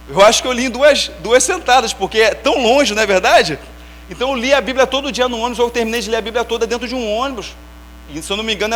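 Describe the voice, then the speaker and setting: A high-pitched young man preaches a heartfelt testimony in a church, dropping to hushed prayer and then rising to loud exclamation. A faint electrical hum runs under the recording. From Brazil. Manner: emotional storytelling, swinging from hushed prayer to raised exclamation. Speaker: lay preacher. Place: church sanctuary.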